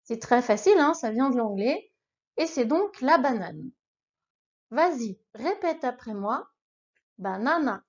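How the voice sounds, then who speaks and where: Woman, patient encouraging teacher, high voice, unhurried drills, muffled recording. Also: very animated. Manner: patient, encouraging, addresses the listener informally. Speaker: Japanese language teacher. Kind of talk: beginner language lesson with repeat-after-me drills.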